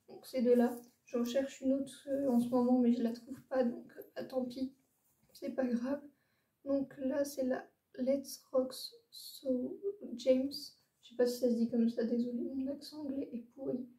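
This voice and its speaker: A young beauty vlogger shows off her makeup palettes in a room lit by a ring light, chatting casually and hesitantly with plenty of fillers and repeated words. Her voice is high-pitched with a dark tone, and the recording has a roomy echo, a bit far from the mic.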